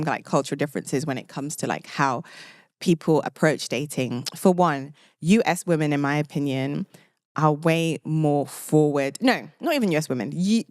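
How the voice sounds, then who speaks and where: A woman's voice: low voice, no room sound, clean studio sound. A young British woman hosting a podcast, chatting casually and expressively, with lots of "like" and laughter. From United Kingdom. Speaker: podcast host. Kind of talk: casual chat.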